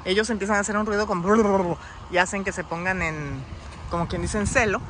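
A woman vlogging casually at an alpaca farm outdoors, chatting warmly and cooing at the animals. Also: quick pace, rough recording. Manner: coos softly at animals in high sweet tones. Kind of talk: casual vlog chat. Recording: loud outdoor background noise.

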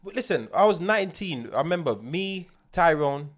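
A podcast co-host with a London urban roadman accent tells stories in casual anecdotal chat, using emphatic street slang. His voice sits on the high side, expressive, at a moderate pace.

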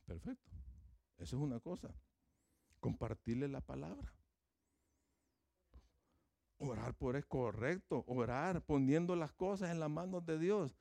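A man's voice: a little high, expressive, measured pace, gravelly, pauses often, mellow, no room sound. A man preaching a sermon in a conversational way, with informal asides and fillers.

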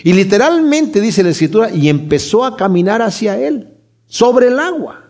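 Male pastor, higher-pitched, lively sermon delivery with dramatic drops to near-whisper. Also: moderate pace. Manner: animated preaching, shifting between loud and hushed; acts out quoted voices while retelling.

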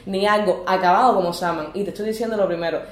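A woman argues her point at a rapid clip, talking over others to keep the floor. Her voice sits in an ordinary middle pitch. The room around her rings with echo. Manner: fast, insistent, interrupts to hold the floor. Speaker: podcast guest. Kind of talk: heated casual debate.

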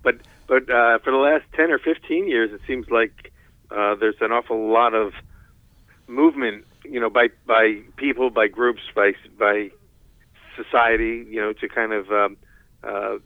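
Lower-voiced male guest, halting answers, heard over a thin phone line. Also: no room sound. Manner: halting, lots of uh's. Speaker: guest expert. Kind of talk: interview answer.

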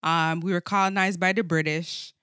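A woman's voice: lowish voice, fairly even intonation, normal speed, sharp tone, clean tone, no echo, clean studio sound. A woman from Jamaica, chatting as a podcast guest in a rambling, hesitant way. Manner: rambling, hesitant, many fillers. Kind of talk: casual chat.

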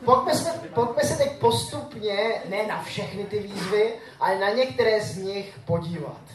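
High-voiced preacher in an echoey hall. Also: male voice. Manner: asks the congregation questions. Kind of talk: sermon with scripture reading. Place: church hall. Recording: echoey church room.

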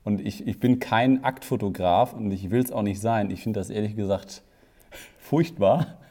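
Mellow-voiced man telling a story. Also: fairly low pitch, moderate pace. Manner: animated anecdote-telling, acts out quotes. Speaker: wedding photographer, podcast co-host. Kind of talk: casual storytelling chat.

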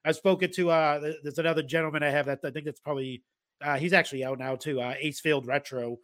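A man's voice: fairly high pitch, fairly even intonation, fast, fairly bright tone. A man hosting a podcast, chatting loosely with his guest and circling back on his own sentences. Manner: rambling, many fillers and restarts. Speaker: podcast host. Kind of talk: casual interview chat.

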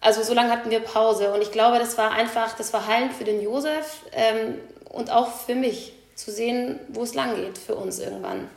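A woman, a guest in an interview, tells her personal story in a candid, chatty way with quick asides. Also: fairly high pitch, creaky. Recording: echoey room.

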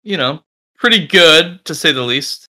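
A man co-hosting a casual podcast, joking and teasing in quick banter. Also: fairly high pitch, lively intonation, bright, forceful tone. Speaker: podcast co-host.

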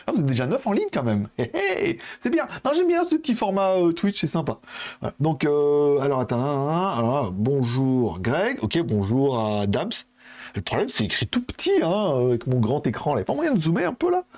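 A man's voice: a little high, a little mellow. A man streaming live, chatting casually, laughing often and reading viewer comments aloud. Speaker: Twitch streamer.

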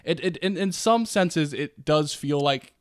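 A man co-hosting a casual film review podcast, rambling and animated, with many fillers. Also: on the high side, unhurried, no room sound, studio quality. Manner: rambling, animated, many "like" fillers, puts on silly voices for quotes. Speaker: podcast co-host.

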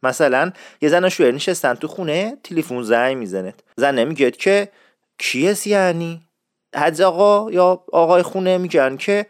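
A man hosting a casual spoken lesson, explaining slowly and repeating words for practice, in a friendly, chatty way. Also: a little high, no room sound, studio quality. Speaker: podcast host teaching a dialect.

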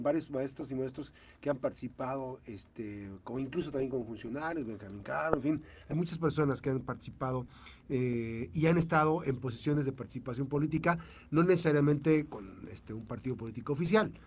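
A man's voice: medium pitch, darkish tone, slightly rough. Mexican man asking long, rambling questions. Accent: Mexican Spanish. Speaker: interviewer. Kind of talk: interview questions.

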